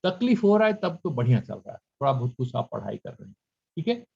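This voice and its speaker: A man's voice: mid-range voice, big pitch swings, fast talker, vocal fry, a little mellow, breathy edge, lo-fi sound. A man giving a spiritual lecture to students, slipping English phrases into his talk and reciting Sanskrit verses. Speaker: workshop speaker.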